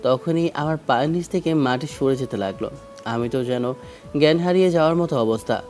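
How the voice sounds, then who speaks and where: A man's voice: medium pitch, fairly quick, darkish tone, faint music behind. A young man narrating a romantic audio story in the first person, with dramatic emotion.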